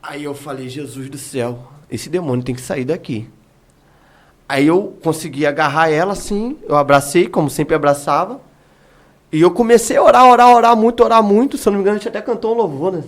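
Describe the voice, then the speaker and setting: A man's voice: fairly high pitch, brisk. A man, an evangelist giving his testimony as a podcast guest, telling his story vividly and acting out what was said. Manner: vivid storytelling that acts out remembered dialogue.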